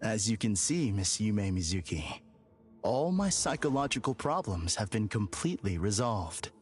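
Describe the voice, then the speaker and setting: Eerily courteous game villain, lowish voice, measured and formal. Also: male voice, very animated, soft background music. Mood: serenely polite. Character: eerily serene polite man, unsettling villain. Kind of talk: video game cutscene dub.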